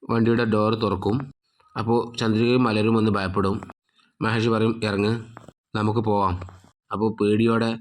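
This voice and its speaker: A man's voice: fairly low pitch, flat delivery, a little fast. A man casually retelling the episode of a TV serial, linking scenes with fillers. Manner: plain retelling with frequent "then" links and fillers. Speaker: narrator recapping a TV serial. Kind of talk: casual storytelling recap.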